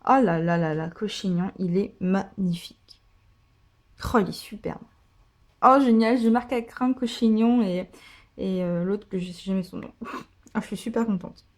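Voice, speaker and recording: A woman's voice: mid-range voice, normal speed, darkish tone. A woman chatting casually as she opens trading card packs, gushing over the cards she pulls, with many fillers. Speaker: card-opening vlogger. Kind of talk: casual pack-opening commentary.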